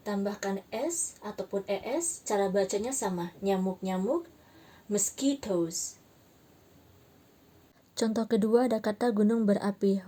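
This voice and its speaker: A woman teaching an English grammar lesson, slowly spelling out letters and repeating each example word. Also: mid-range voice, mellow, slightly rough, recorded from a distance. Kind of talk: slow, careful grammar lesson.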